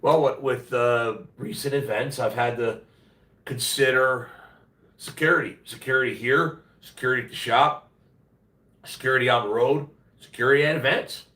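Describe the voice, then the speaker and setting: A man's voice: medium pitch, fairly even intonation, normal speed, sharp tone. A man hosting a casual livestream from home, talking bluntly and slangily in a congested, nasal, worn-out voice while under the weather. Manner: blunt, slangy, plain-spoken. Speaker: live stream host. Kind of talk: casual rambling livestream chat. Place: at home, roomy-sounding indoor space. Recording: echoey room, distant mic.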